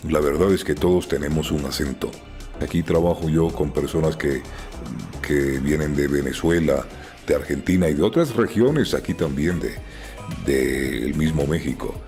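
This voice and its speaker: Interviewee, very deep male voice, measured and thoughtful, light music bed. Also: a little mellow. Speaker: dubbing professional. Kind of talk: interview answer.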